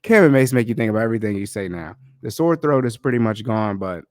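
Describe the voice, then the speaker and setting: A fast-talking man with a fairly low, expressive and slightly mellow voice hosts a casual solo podcast in a loose, chatty, slangy style. A cold leaves him a little congested and nasal, captured on a podcast microphone in a dry, studio-quality recording.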